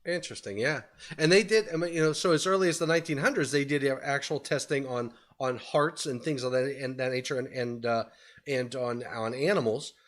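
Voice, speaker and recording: A man's voice: medium pitch, brisk. A man in his fifties giving a conversational webinar presentation over a video call from a home study, with many fillers.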